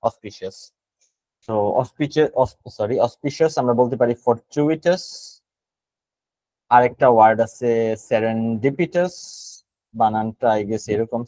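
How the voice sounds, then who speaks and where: A man with a Bangladeshi accent leads an online GRE vocabulary class in a relaxed, thinking-aloud manner. His voice sits at an ordinary middle pitch. It is picked up dry and close on a computer mic. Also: no room sound, low-quality recording. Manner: casual and thinking aloud, mixing English words into Bengali explanations. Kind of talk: online vocabulary class, explaining word meanings.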